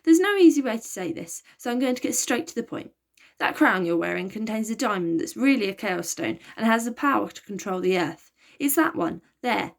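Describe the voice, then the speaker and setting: A woman's voice: on the high side, expressive, brisk, gravelly, pitched above the performer's own voice. A woman voicing an eager, cheeky young schoolboy in a storybook reading, blurting his lines out.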